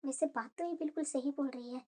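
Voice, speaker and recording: A cartoon mother-in-law, voiced by a woman, with a very high, squeaky voice. She speaks remorsefully and tenderly, like a stern woman softening. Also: fairly quick. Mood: musing. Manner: musing, then remorseful and tender. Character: stingy mother-in-law, turning kind. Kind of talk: cartoon voice acting.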